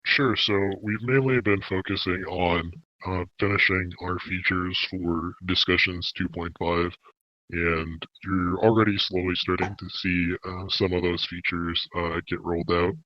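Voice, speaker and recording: A man speaking through a deep pitch-shifting voice changer, a lead developer giving a steady podcast update with many filler uhs. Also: unhurried, no echo, dull audio.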